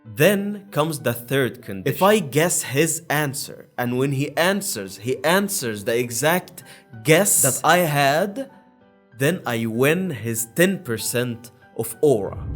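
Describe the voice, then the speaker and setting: A man's voice: a little high, expressive, slow pace, soft background music. A young man hosting his own channel, explaining in a casual, rambling monologue with many fillers and restarts. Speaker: YouTube channel host.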